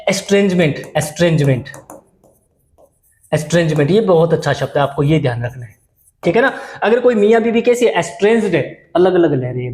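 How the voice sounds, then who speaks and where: A man's voice: high-pitched, a little mellow, roomy sound, a little hiss or hum. A male English teacher giving an exam-prep vocabulary lesson, explaining in Hindi with English terms and often repeating words and checking "okay?" with students.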